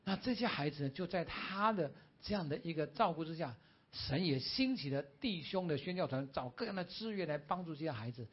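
Brief: male preacher, fairly high and husky, animated, asks the congregation questions. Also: brisk. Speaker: guest preacher. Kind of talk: sermon. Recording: dull lo-fi recording.

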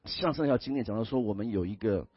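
Animated husky-voiced man preaching. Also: lowish voice, fast, no echo, lo-fi sound. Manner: animated, swings from loud exclamations to hushed murmurs. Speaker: pastor. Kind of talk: storytelling sermon.

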